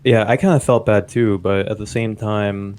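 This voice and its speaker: A young man co-hosting a podcast, telling a story in casual chat, with lots of "like" and animated quotes of others. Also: lowish voice, moderate pace. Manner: rambling, heavy use of "like", animated quoting. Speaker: podcast co-host.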